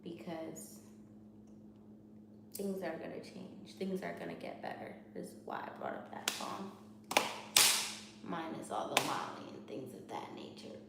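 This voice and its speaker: The student vlogger speaks a little slowly in a lowish, gravelly voice and pauses often. With a Haitian Creole accent, she rambles candidly about her studies, restarting and repeating herself, recorded in a very echoey room with noise.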